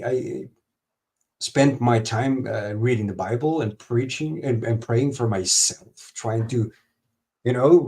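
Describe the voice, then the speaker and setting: Man, interview guest, halting delivery full of fillers, video-call mic. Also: medium pitch, a little mellow. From Honduras. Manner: halting, many fillers and restarts. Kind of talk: live stream interview over video call.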